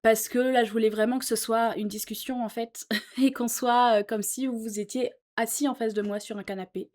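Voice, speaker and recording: Woman YouTuber, voice a touch high, sincere and reflective, talking casually from an office sofa. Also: steady tone, moderate pace, a little mellow. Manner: earnest, thoughtful, with many fillers. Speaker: YouTuber and musician. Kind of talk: casual chat to camera.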